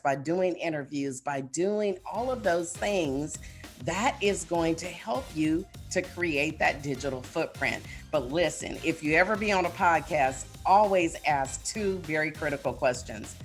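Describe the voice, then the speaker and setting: A woman giving a motivational business keynote with polished corporate enthusiasm, speaking emphatically and straight to her listeners. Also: deep voice. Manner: emphatic, addresses listeners directly.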